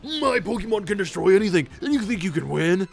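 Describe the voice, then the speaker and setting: A man's voice: sits high, big pitch swings, a little fast, vocal fry, soft background music, voice pushed up, exaggerated voice. A man reading out a proud male martial arts trainer from a video game in a boastful tone. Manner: boastful, read aloud.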